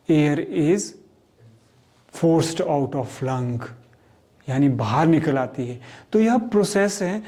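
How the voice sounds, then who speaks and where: A man teaching communication skills, speaking slowly and deliberately, asking questions and then answering them himself. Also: fairly high pitch, warm tone. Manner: slow, deliberate teaching delivery, drawing out and repeating key words; mixes English terms into Hindi explanations. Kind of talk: spoken lesson on communication skills.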